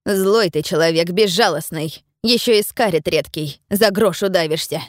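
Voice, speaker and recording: A stern blind village witch, as a woman narrator puts her on, speaks low and deep with cold, unhurried authority. Her mocking calm fills a dry, close audiobook recording. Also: no echo, natural voice.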